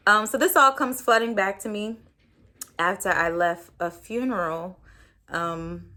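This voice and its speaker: A woman's voice: on the low side, fairly bright tone. A woman in her thirties, a podcast host, telling a personal story in a candid, reflective way, with many fillers.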